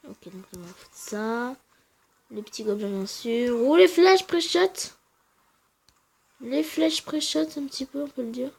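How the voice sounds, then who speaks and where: Woman, gaming commentary, slangy, excitable, quiet between outbursts, slightly high voice. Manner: excitable, shouts at wins and losses, slangy. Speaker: gaming channel host.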